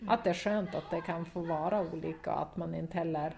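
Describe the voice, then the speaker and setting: Young woman, broad Västerbotten Swedish dialect, interview guest; halting, filler-heavy, quick to laugh. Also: fairly low pitch, fairly even intonation, creaky, a little mellow. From Skellefteå area, northern Sweden. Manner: hesitant, many fillers, laughs often. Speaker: football pundit, former player. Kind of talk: casual interview answers.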